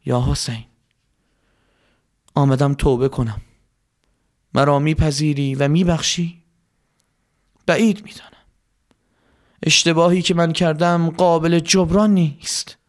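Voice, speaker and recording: A man voicing a remorseful male army commander who talks in a pleading, halting way, in a told story. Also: fairly high pitch, fairly even intonation, natural voice. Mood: penitent.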